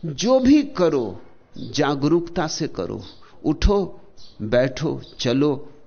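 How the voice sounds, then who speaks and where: A man giving a spiritual discourse, slow and deliberate, setting out single words one at a time with long pauses between them. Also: fairly high pitch, sing-song, gravelly, breathy edge, lo-fi sound. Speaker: spiritual teacher.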